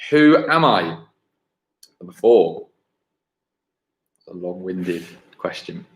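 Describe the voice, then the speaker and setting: An animated man with a low-pitched voice hosts a live-streamed football quiz, chatting casually with viewers. He repeats each question slowly and clearly, and his home stream has a roomy, echoing sound.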